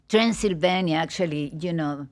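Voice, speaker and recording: A woman's voice: sits low, a bit bright. A woman from Peru with a Peruvian Spanish accent, a guest on a podcast who eagerly explains travel plans and says "you know" often. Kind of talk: casual podcast chat.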